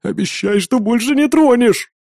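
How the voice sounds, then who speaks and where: A man voicing a frightened young captive, the son of a village elder, who pleads in a hurried way. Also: very high-pitched, vocal fry, a little mellow, dry recording, studio quality, pitched above the performer's own voice, full character voice. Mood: pleading.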